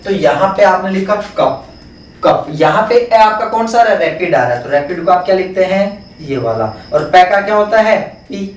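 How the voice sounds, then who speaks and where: A man's voice: high-pitched, animated, normal speed. A man teaching an exam-prep phonetics lesson with an Indian English accent, explaining step by step and answering his own questions. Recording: echoey room, mic far off.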